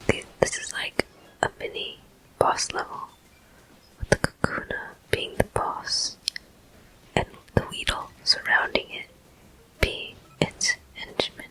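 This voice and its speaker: Slow, paused whispering close to the mic carries this walkthrough host's ASMR game commentary. The tone is sharp and the recording rough.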